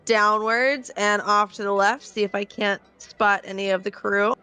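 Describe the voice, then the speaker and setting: Easygoing player in a tabletop game, bright smooth voice, some music behind. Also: mid-range voice, fairly even intonation, a little slow. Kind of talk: casual chat in a tabletop game.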